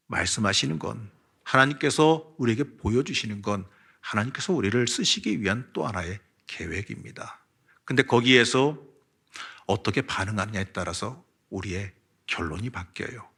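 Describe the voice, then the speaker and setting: A man's voice: medium pitch, a bit bright, breathy edge. A man preaching a Sunday sermon as pastor of a church, earnest, swelling and dropping his volume for emphasis. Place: church sanctuary.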